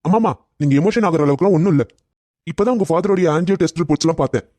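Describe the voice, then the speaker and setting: Cartoon role: a man playing a fast-talking, reassuring doctor, raised pitch. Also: mellow, dry recording, close to an everyday voice. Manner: reassuring, explaining. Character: calm hospital doctor, adult man.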